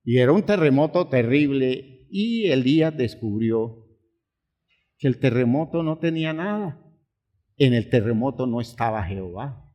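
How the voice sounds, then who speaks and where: A man preaching a sermon as pastor, swinging between hushed, quiet lines and high, pleading outbursts. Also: animated, a little slow, muffled recording.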